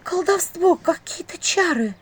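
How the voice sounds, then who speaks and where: High bright young witch, as a woman puts her on, breathless, exclaiming, whispery, swooping storybook voice. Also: animated, moderate pace. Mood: alarmed.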